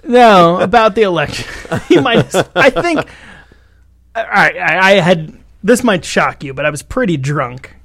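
A man co-hosting a podcast in casual chat, telling rambling, animated stories and laughing often. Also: sits high, measured pace, vocal fry, no echo, studio quality. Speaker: podcast co-host.

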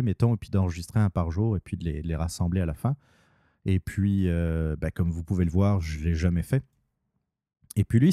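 A man with a Québécois French accent talks loosely into his podcast mic, wandering through thoughts with lots of hesitations and restarts. His voice is low-pitched and very dark, and the sound is dry and close. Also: no echo. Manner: rambling, many fillers and restarts. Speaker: podcast host. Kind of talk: casual solo podcast talk.

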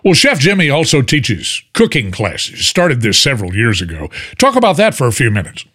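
Lively male cooking show host. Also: medium pitch, normal speed, breathy edge. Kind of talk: radio show hosting.

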